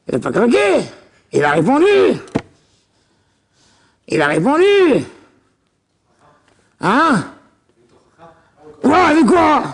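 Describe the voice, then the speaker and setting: A middle-aged male rabbi giving a lively Torah class, questioning his students and acting out biblical dialogue. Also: extremely high pitch, creaky, breathy edge. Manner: animated, questioning the audience, acts out biblical dialogue.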